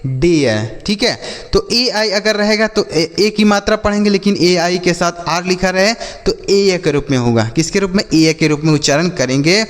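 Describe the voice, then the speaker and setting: Male phonics teacher, slightly high voice, drills and quizzes kids, long reverb on the recording. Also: normal speed. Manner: repeats words and quizzes children with call-and-response questions. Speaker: English teacher. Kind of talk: classroom-style phonics lesson.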